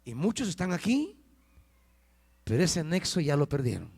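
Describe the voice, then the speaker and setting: A Salvadoran man preaching a sermon at a church service, swinging between shouts and hushed lines. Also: fairly high pitch, very animated, normal speed, gravelly. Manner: impassioned preaching, sudden shouts and drops to near-whispers. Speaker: pastor.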